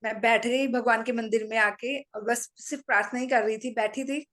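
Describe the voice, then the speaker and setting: A middle-aged woman calmly tells a personal story to a meditation audience, speaking matter-of-factly and acting out her own lines in conversations. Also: on the high side, moderate pace. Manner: calm, matter-of-fact storytelling with quoted dialogue.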